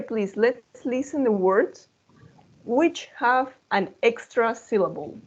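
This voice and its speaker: Slow careful lady english teacher on a video call, explains in too, dull lo-fi sound. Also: fairly high pitch. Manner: patient, models words and switches into Spanish to explain. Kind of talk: online class instruction.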